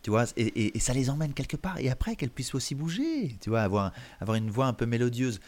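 A man of middle pitch talks as a voice coach in a relaxed interview. His delivery is animated and hands-on, with frequent restarts as he explains how the voice works. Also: fast.

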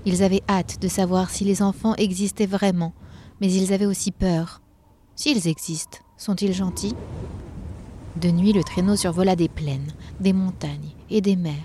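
A woman narrating a children's Christmas story in a gentle, expressive storytelling manner. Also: lowish voice, unhurried, slight background noise.

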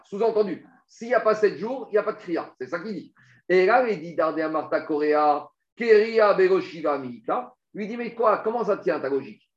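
A man teaching a Talmud class, reading Aramaic passages and explaining them step by step, asking questions and answering them himself. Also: sits high. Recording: dull, echoey room recording.

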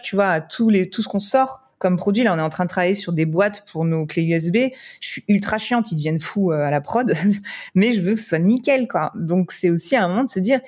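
A woman's voice: on the low side, brisk, darkish tone. A woman from France, a wedding photographer, chatting casually in a podcast interview with lots of fillers and laughter.

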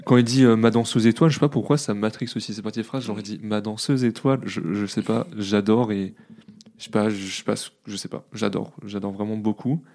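A man's voice: fairly low pitch, fairly even intonation, a little fast, darkish tone. A man co-hosting a casual podcast about a rap album, talking in an informal way that turns hesitant and repetitive when something moves him. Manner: hesitant, repeats himself when moved. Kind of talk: casual chat.

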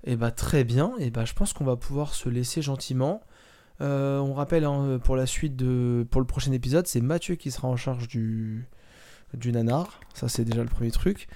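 A man hosting a casual film podcast, relaxed and leading the wrap-up. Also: mid-range voice, moderate pace. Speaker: podcast host.

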